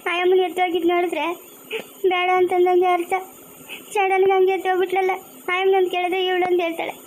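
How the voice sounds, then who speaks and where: A woman's voice: very high-pitched, flat delivery, quick pace, a little mellow, slight background noise. A woman playing a worried village mother of a deaf daughter, tearful and pleading, with a Chikkaballapur Kannada accent. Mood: grieving. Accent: Kannada of the Chikkaballapur region. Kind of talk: amateur family drama acting.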